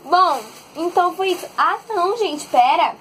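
A woman, chatting excitedly in a haul vlog from her bedroom at home. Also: very high voice, moderate pace, a little hiss or hum. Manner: chatty and excitable, animated storytelling. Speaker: vlogger.

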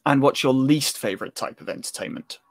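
A man hosting an interview show, asking set questions in a measured way. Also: medium pitch.

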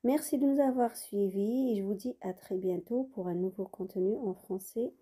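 A woman teaching French phrases in a lesson, saying model sentences slowly and repeating them, with quick explanations in between. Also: medium pitch, mellow, breathy edge. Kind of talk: bilingual language lesson.

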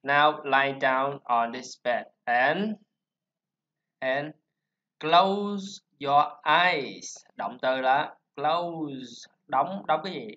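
A man's voice: mid-range voice, very slow, sharp tone. A man teaching English pronunciation, chattily explaining and drilling each sound over and over. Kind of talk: screen-recorded lesson talk. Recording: dull lo-fi voice recording.

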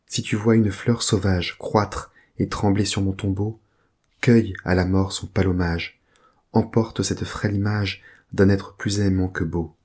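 A man giving a poetry reading, a steady recitation that also reads out titles and poem numbers. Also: low voice, slightly rough. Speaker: reader.

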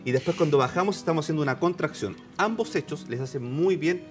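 A man, a voice therapist on a TV show, explaining patiently with animated intonation. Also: fairly high pitch, quick pace, faint music behind. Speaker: voice therapist guest. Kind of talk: explanatory TV interview.

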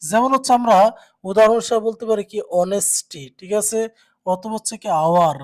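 Tutor, grammar lecture, mid pitch, asks questions then answers them himself. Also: brisk. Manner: asks rhetorical questions and answers them, frequent check-ins. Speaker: teacher. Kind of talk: exam-prep grammar lecture.

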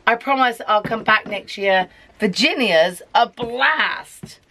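A mum putting on a timid little alien. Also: female voice, fairly high pitch, slow, bright, forceful tone, a little hiss or hum, full character voice. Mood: gentle. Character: small timid alien boy visiting a town.

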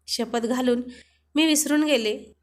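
A woman storyteller reading a romantic story aloud in an expressive, steady scripted narration. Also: high voice, unhurried.

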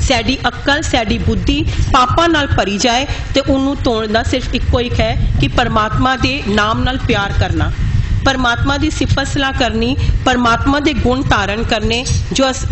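A woman teaching how to recite scripture, chanting each verse very slowly and then explaining it in plain, steady speech. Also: fairly high pitch, background noise. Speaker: Gurbani teacher. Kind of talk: scripture pronunciation lesson.

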